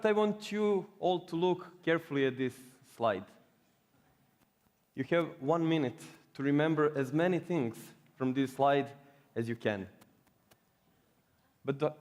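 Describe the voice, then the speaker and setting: A Serbian-accented man speaks to a conference audience with a playful, joking manner. His voice sits a little high for a man. It rings with the long reverb of a large hall. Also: a little mellow. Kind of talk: humorous presentation.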